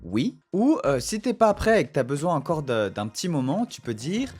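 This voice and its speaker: A man's voice: a little high, sing-song, normal speed, darkish tone, slightly rough. A man giving a casual video lesson in French on Korean restaurant phrases, modelling short Korean lines. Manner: acts out little restaurant scenes, playing both customer and waiter. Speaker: Korean language teacher. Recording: faint background music.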